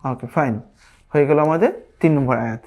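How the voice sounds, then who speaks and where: A man leads a recitation lesson with a patient, repeating way of teaching. He chants each verse slowly and stretches it out, then drops back into plain explanation and asks the listeners whether they follow. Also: mid-range voice, a little mellow. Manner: drawn-out Arabic recitation between plain explanations.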